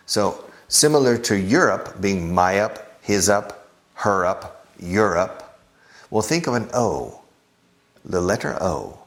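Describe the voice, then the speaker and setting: A man teaching a beginner English lesson, drilling pronunciation by repeating words slowly. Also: deep voice, creaky. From United States.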